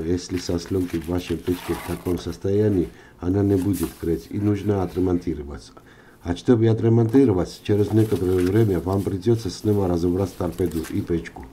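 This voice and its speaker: Low dark-toned guy walking thru a car heater fix, faint outdoor noise behind. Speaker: car repair channel host. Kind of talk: voice-over car repair tutorial.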